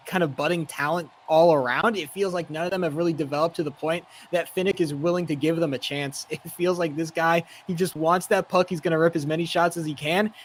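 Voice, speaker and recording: A man's voice: fairly high pitch, a little hiss or hum. A man giving color commentary on a live game, chatty and analytical, often using fillers.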